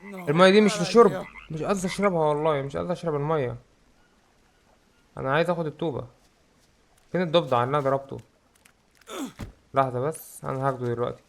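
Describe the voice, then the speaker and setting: A young man with an Egyptian Arabic accent, giving excitable let's-play commentary and joking about how scared he is. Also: on the high side, fast talker, creaky, long pauses. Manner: excitable, jokes about his own fear. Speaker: gaming YouTuber.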